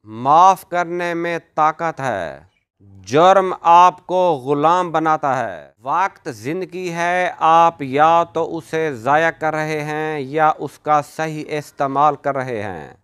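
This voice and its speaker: Man, scripted motivational narration, raised pitch, resonant clear tone, measured declarative delivery. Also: fairly bright tone.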